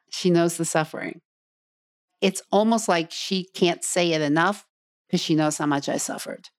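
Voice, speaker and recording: A middle-aged woman hosting a podcast as a coach, talking earnestly and straight to the listener, repeating phrases for emphasis. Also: fairly low pitch. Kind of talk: heartfelt podcast monologue.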